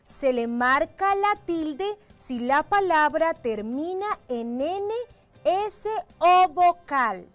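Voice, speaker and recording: A Dominican-accented woman teacher with a fairly high voice works through a lesson at an unhurried, deliberate pace. She explains each point carefully, leaning on syllables to show the stress. Soft music plays faintly underneath. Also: expressive. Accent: Dominican Spanish. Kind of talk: educational lesson.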